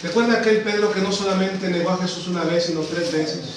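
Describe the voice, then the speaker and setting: A man preaching with a very high voice for a man, keeps calling out to the brothers, and swings between loud bursts and low, hushed lines. He is heard from far off in a strongly echoing church. A faint hiss runs under the recording. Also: brisk. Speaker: missionary preacher. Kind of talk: Spanish-language church sermon. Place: church sanctuary.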